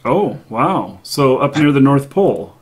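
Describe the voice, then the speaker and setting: A man's voice: mid-range voice, sing-song, a little slow, husky. A man hosting a live call-in show, rambling and thinking aloud as he chats casually. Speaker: live show host taking calls.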